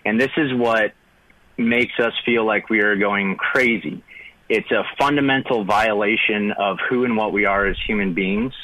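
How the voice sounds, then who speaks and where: A man's voice: fairly low pitch, moderate pace, sharp tone, low-quality recording. A man, calling in to a radio show and explaining earnestly with many fillers. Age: 30s. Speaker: caller.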